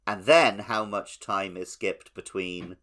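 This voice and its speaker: This man co-hosts a podcast and talks about video games in a relaxed, conversational way. His voice sits low with a fairly bright tone, and he speaks slowly.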